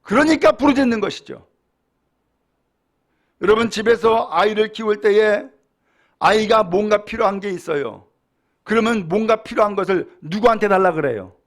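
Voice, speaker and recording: A middle-aged man, a pastor, delivering a sermon with animated preaching that acts out quoted speech. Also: high-pitched, normal speed, long pauses.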